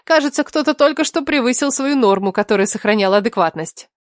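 A woman's voice: fairly high pitch, animated, fast talker, no echo, clean studio sound, natural voice. A woman voicing Lera, a strict, sensible young woman who answers the phone sleepily and reproaches her friends. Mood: reproachful.

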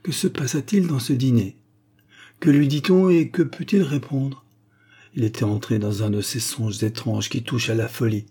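A man narrates a classic story with measured, expressive pacing. His voice is dark and mellow, with a husky, slightly breathy texture. The delivery is calm and literary, suited to an audiobook reading. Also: medium pitch.

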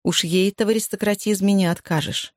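A narrator voicing a firm young wartime wife who speaks calmly and steadily, in a dry recording. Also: mid-range voice, brisk, no echo, lightly acted.

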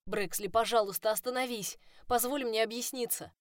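A woman's voice: mid-range voice, moderate pace, no room sound, lightly acted. Woman doing a desperate young guy in love, pleading, dry close sound.

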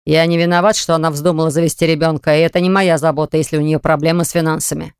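A reader voicing a callous small-company boss who defends himself in slow, indignant tones. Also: male voice, a little high, level tone, clear, resonant tone, dry recording, studio quality, lightly acted. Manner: slow, indignant, self-justifying.

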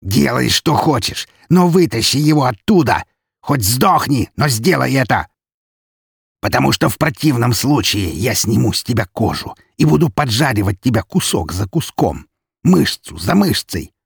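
A man's voice: mid-range voice, big pitch swings, normal speed, gravelly, breathy edge, no room sound, studio quality, voice pushed up, full character voice. A man voicing a cruel, menacing nobleman who snarls harsh threats and drags out his words. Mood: raging. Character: cruel menacing nobleman count, brutal and cold.

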